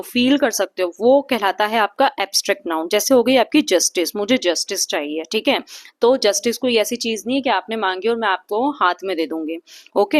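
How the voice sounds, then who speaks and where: A woman teacher with a slightly high voice takes young students through a grammar lesson. She asks the class questions and answers them herself, and she says the English terms with an Indian English accent. The recording is close and dry, with no room sound. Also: no echo.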